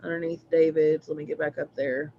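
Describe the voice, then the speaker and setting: A man's voice: fairly high pitch, level tone, fairly quick, creaky. A man hosting a live spiritual reading stream, rambling casually with many fillers and restarts. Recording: dull lo-fi stream audio.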